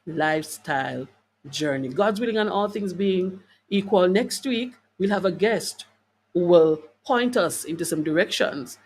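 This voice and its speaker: An unhurried woman with a fairly low, breathy, animated voice hosts a wellness talk broadcast live online and reads viewer comments. She speaks emphatically in a preacher-like way, repeating phrases for stress and chatting with listeners through rhetorical questions.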